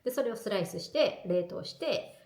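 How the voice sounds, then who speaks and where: A woman vlogging in casual chat to the camera, telling stories in a lively, chatty way. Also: mid-range voice, moderate pace, echoey room.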